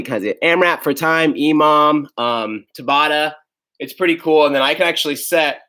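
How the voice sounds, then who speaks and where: A young man instructs a live online workout, panting as he shows and describes the moves in a casual, upbeat manner. His voice is mid-range with a sharp tone. The recording carries a roomy echo and sounds distant.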